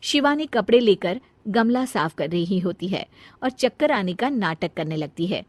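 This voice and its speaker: A woman's voice: mid-range voice, expressive, moderate pace, a little mellow, dry recording. A woman narrating a scripted story as its storyteller.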